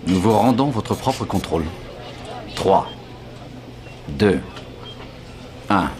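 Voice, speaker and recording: Low-voiced, composed mission controller. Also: male voice, animated, a little hiss or hum. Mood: composed, official. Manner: measured procedural announcements. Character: formal, composed male mission control operator. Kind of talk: French dub of an action TV series. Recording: loud music over the voice.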